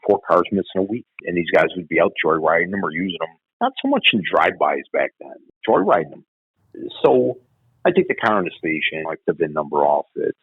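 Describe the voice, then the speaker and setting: A middle-aged man, a retired police officer telling stories in an interview, profane and animated. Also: sits low, vocal fry, husky, dry recording, narrow, tinny audio. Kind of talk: storytelling in an interview.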